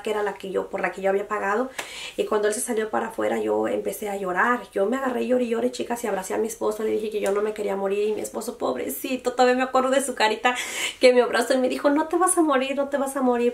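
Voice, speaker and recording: A woman's voice: mid-range voice, creaky. A young woman, telling a personal story in a casual, emotional vlog and acting out what others said. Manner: emotional, animated retelling that quotes other people. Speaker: beauty vlogger. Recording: voice a bit far from the mic.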